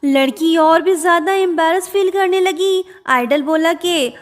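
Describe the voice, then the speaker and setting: A woman's voice: very high-pitched, a little slow. A woman narrating a drama recap in a casual, conversational storytelling way, dropping English words into her sentences. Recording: reverberant with background music.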